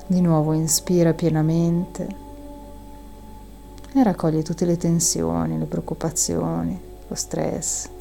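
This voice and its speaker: There's a gravelly, low-sitting quality to this woman's voice as she slowly leads a calming breathing meditation. She exhales long and audibly, with faint music in the background.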